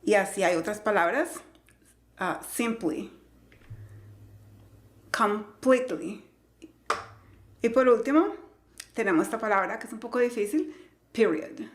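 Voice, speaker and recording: A woman who teaches English pronunciation, explaining slowly and carefully and repeating each example word. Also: mid-range voice, animated, roomy sound. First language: Spanish.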